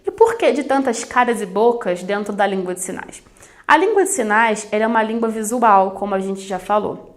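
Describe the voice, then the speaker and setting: A Brazilian woman teaches a recorded video lesson on sign language, speaking directly to the camera and addressing her students in a studio with a plain backdrop. Her medium-pitched voice is expressive and a little fast, captured in a camera-facing studio recording.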